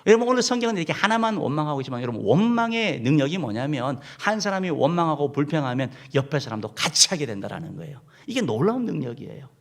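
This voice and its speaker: A man's voice: fairly high pitch, big pitch swings, fast, few pauses. A man, a senior pastor, preaching a sermon and speaking directly to his congregation, now and then leading them in reading aloud. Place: church sanctuary.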